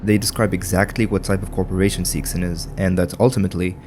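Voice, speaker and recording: Low-voiced man narrating wryly. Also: steady tone, quick pace, darkish tone, slight background noise. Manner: wry, conversational commentary. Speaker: video essay narrator. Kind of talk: scripted narration.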